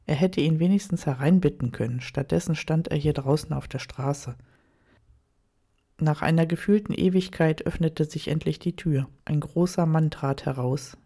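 A woman narrating a story aloud at a calm, measured pace. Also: sits low. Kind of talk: story reading.

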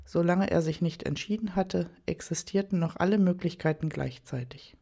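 Calm, mellow storybook reader. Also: medium pitch, moderate pace, gravelly. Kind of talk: scripted narration.

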